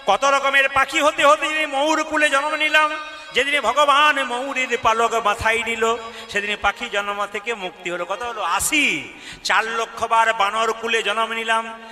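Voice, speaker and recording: A man's voice: extremely high pitch, steady tone, normal speed, sharp tone, big-room sound. A man telling a devotional story as a kirtan singer, speaking straight to the women listening and acting out the figures' voices. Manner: addresses the women in the audience, asks them to answer aloud.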